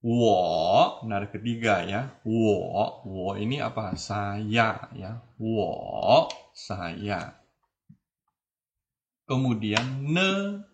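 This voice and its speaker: A man teaching beginners a language, explaining slowly and repeating each word and phrase. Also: lowish voice, lively intonation, highs cut off. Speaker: Mandarin teacher. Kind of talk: language lesson in Indonesian.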